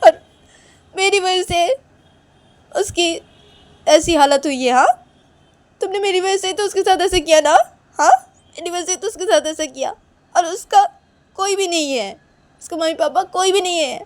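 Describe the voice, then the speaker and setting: A woman voicing a young woman who cries and pleads in a high, strained voice while insisting she did nothing wrong. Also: a little mellow. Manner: high-pitched, tearful pleading. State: crying. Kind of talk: one-woman voiced romance story.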